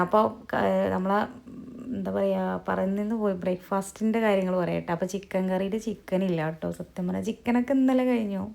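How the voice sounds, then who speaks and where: A woman talks through her cooking vlog in a soft, quiet voice-over. Her voice sits a little low with a gravelly edge. She rambles in a chatty way and keeps correcting herself. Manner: soft-spoken, low volume. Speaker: cooking vlogger. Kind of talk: casual voice-over narration. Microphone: recorded in a closed room.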